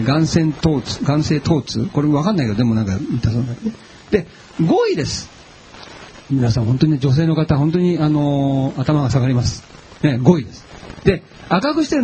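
Lively, animated male pastor preaching. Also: on the high side, slight background noise, rough recording. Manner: chatty and animated, asks the audience questions. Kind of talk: sermon with personal stories.

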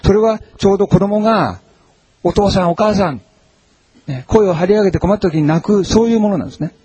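Male pastor, mellow husky tone, lively conversational sermon, dry close sound. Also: high voice, a little fast, no echo. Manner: conversational, animated preaching with frequent fillers.

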